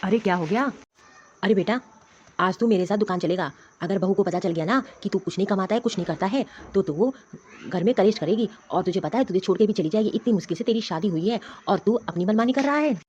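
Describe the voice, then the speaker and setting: A woman's voice: mid-range voice, fast talker, darkish tone, muffled recording, a little hiss or hum, close to an everyday voice. A woman voicing a worried, grumbling older father-in-law who runs a shop, in a cartoon story. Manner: grumbling, pleading.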